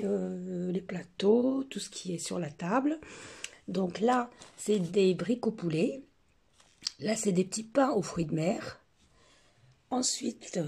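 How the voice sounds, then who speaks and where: A woman with a hoarse, sore throat, casually talking through her buffet recipes and table decor, hesitating often with fillers. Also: mid-range voice, warm tone. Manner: chatty, hesitant with many fillers. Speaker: home cooking vlogger. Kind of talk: casual cooking and decor walkthrough.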